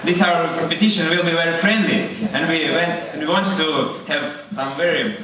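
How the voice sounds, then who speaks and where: A man's voice: on the high side, moderate pace, far from the mic, very noisy. A man introducing his team, joking and hesitating with many fillers. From Russia. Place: large hall at opening ceremony. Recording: echoey hall, crowd behind.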